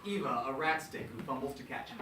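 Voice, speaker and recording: A man's voice: mid-range voice, fast. A man reading a play's stage directions aloud, plainly and matter-of-factly. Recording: echoey, distant, noisy stage recording.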